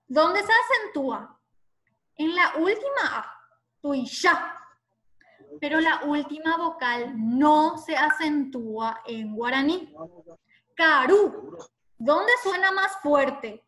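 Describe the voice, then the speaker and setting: A woman teaching an online class, explaining slowly and patiently and spelling out sounds one by one. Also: sits high, a bit bright.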